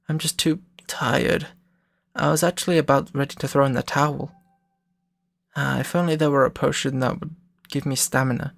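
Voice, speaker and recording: A man's voice: a little high, gravelly, a bit bright. A man voicing a shy, weak young man from a video game who talks himself down. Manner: self-deprecating, sheepish.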